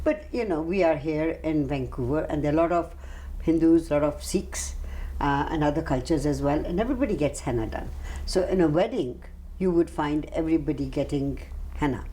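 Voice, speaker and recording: A woman's voice: low voice, a little fast, a little hiss or hum. A woman hosting an interview show, guiding the guest with questions and frequent short acknowledgements. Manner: warm, encouraging interviewer with many short acknowledgements. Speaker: talk show host.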